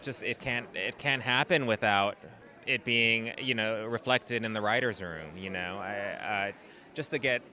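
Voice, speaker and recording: Deep but bright-voiced man, halting interviewee. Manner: halting, repeating words. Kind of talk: red carpet interview. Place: red carpet at an awards event.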